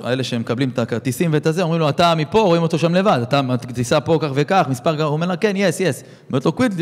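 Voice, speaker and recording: A man, a rabbi telling a story in a sermon and acting out its dialogue with lively swings in voice. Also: fairly high pitch. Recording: long hall reverb.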